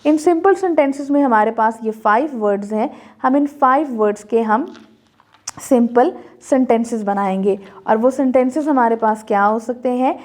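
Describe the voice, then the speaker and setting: Woman teacher, slightly high voice, methodical video-lesson delivery. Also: normal speed, darkish tone. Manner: methodical, walks through answers item by item in Urdu mixed with English. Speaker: English teacher. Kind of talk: recorded video lesson explaining textbook exercises.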